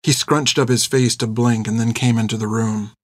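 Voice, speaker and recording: Man reading a story, steady and dry. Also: mid-range voice, normal speed, no room sound. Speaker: narrator. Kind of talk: audiobook narration.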